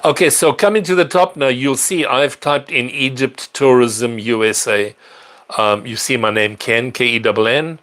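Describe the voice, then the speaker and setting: A man's voice: medium pitch, fairly even intonation, normal speed, a bit bright. Chatty man, live-stream host. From South Africa. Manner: chatty and rambling, with fillers and self-corrections. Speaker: livestream host answering viewer questions. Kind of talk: casual live-stream chat. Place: apartment in a large city.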